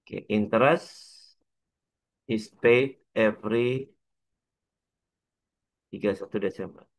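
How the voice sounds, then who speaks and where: An accounting lecturer with an Indonesian accent works through an example step by step, teaching in a halting, repetitive way and frequently adding checking tags. His pitch is fairly low.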